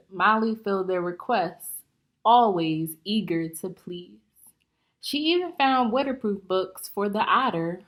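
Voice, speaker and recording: Here a woman teacher shares a picture book with young pupils, reading deliberately and pausing now and then for explanations and questions. She speaks at a medium pitch.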